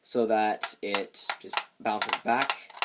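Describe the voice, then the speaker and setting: A man's voice: on the low side, steady tone, drawn-out words, noisy background. A man giving a casual hands-on demonstration of a homemade build, explaining it with light self-deprecation.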